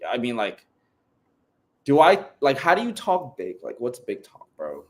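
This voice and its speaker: A man's voice: medium pitch, unhurried. A man co-hosting a casual livestream, joking around and packing his talk with filler words. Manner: joking, lots of "like", animated. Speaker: livestream co-host.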